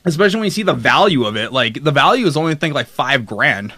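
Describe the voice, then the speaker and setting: A young streamer chats casually during a live broadcast, rambling through a list of games while reading the chat aloud. His mid-range voice is bright and forceful, swinging widely in pitch as he talks fast. The close desk mic recording is dry.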